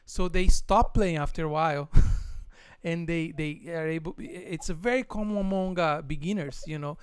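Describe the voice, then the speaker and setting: A man with a Brazilian Portuguese accent, a native Portuguese speaker, hosting a casual online interview as a guitar teacher, relaxed, with many fillers and frequent laughs. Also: on the high side, moderate pace, clean tone, no room sound, studio quality.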